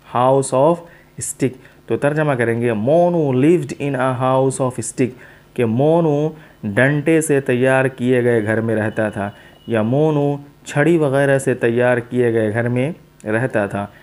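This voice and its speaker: Male language teacher, unhurried, middle pitch, patient repetitive delivery. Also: a little mellow. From South Asia. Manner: slow, repetitive, explains each word in turn. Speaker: English teacher. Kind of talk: teaching English to Hindi speakers.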